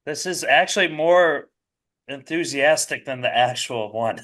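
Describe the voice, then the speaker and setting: A man co-hosting a casual racing podcast, teasing the others with quick asides. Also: mid-range voice, a bit bright. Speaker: podcast co-host.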